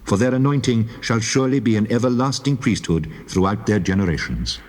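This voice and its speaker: An actor playing a solemn God who gives the law in measured, stately commands in a scripture drama. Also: male voice, lowish voice, expressive, lightly acted. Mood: solemn, commanding. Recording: long cavernous reverb on voice.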